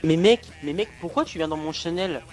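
High-pitched teen guy ranting on voice chat, fancy words, all offended. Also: lively intonation, a little fast, darkish tone, soft background music. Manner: indignant, mock-lofty wording. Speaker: voice chat participant. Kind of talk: heated casual voice chat. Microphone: computer mic over voice chat.

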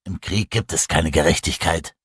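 Brief: a man doing a gruff, defensive Russian soldier pilot in a horror audiobook, loud and combative, husky edge. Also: extremely low pitch, normal speed, no echo, studio quality, pitched below the performer's own voice, full character voice. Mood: bitter.

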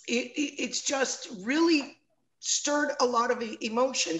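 A middle-aged woman hosts a conversation over a video call, her voice sitting a little high. She speaks earnestly and personally, with a few fillers as she gathers her thoughts. She is at home, in front of a webcam. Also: a bit bright, poor audio. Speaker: moderator. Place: home room indoors.

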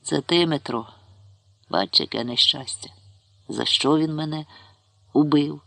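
A man doing a gravelly old village grandfather. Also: fairly high pitch, measured pace, bright, forceful tone, no echo, exaggerated voice. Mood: weak moaning.

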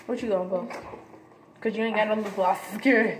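A woman's voice: medium pitch, steady tone, fairly quick, reverberant, a little hiss or hum. Giggly teen girl vlogging casually. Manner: giggly, talks over others. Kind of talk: casual chat. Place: outdoors near apartments.

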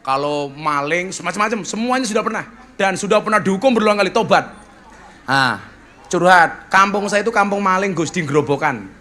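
A Javanese-accented preacher with a high-pitched, sharp voice hosts a religious gathering. He tells stories to the crowd in a lively sermon style and jokes and teases with his guests.

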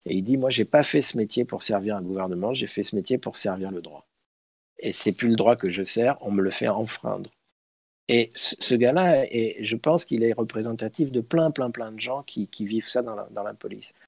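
A man speaking as a guest on an online call, telling stories with many pauses and restarts through an earphone mic. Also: lowish voice, gravelly, breathy edge, dry recording. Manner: hesitant, many restarts and "euh", storytelling. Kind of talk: casual online talk, answering questions. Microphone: earphone headset mic.

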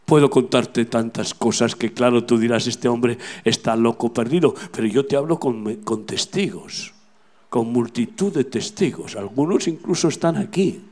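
Fervent older street preacher. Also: male voice, mid-range voice, moderate pace. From Spain. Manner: fervent, preaching loudly to passers-by; addresses listener as friend, asks rhetorical questions. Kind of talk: sermon. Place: outdoors on a street.

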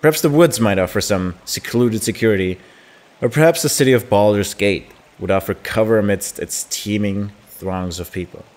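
A man's voice: fairly low pitch, moderate pace, a little mellow, lightly acted. A man reading the lines of a solemn, protective older male guardian in a grave, formal way. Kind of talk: reading game dialogue aloud.

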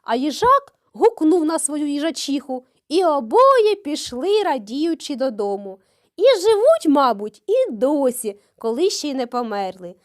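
A woman's voice: high-pitched, measured pace. A kindergarten teacher, a woman, reading a fairy tale expressively to preschool children. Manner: expressive, animated storytelling.

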